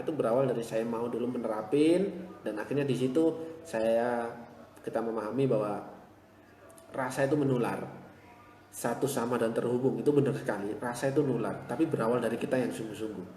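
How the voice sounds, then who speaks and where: A man teaching a live online class and answering viewers, reassuring and repeating his encouragements, at times turning loud and animated to stress a point. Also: mid-range voice, quick pace. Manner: reassuring, repeats "ya" and "insya Allah", swings to loud animated emphasis. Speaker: motivational teacher. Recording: echoey room with long reverb.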